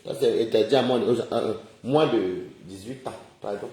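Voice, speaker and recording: A man's voice: lowish voice, normal speed, warm tone. A man ranting indignantly on a casual live stream, firing off rhetorical questions and chuckling often. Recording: roomy echoey recording.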